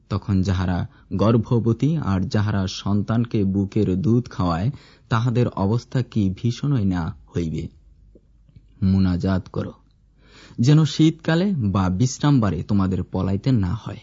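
Guy reading scripture, slow formal recital, kinda husky, dull lo-fi sound. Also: on the low side, warm tone. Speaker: scripture reader. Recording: dull lo-fi recording.

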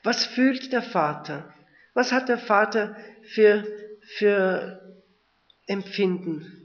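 A man's voice: high voice, animated, takes it slowly. A man reading a Bible passage aloud and commenting on it between verses, sometimes restarting his sentences. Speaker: preacher. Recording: dull lo-fi recording.

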